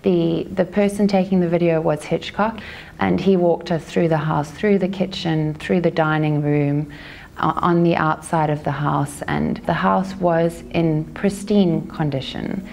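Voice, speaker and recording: A South African woman, a lawyer, giving a measured, careful recap of a day in court. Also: sits low, steady tone, vocal fry, darkish tone, a little hiss or hum. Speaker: legal commentator. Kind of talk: courtroom news commentary.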